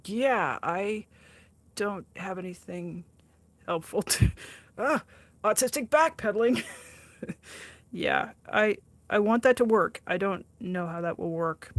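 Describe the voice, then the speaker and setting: A sixty-something woman reads chat on her art livestream, answering viewers casually with plenty of laughter, self-teasing, and frequent restarts. She speaks slowly with frequent pauses, in a mid-range voice with no room sound.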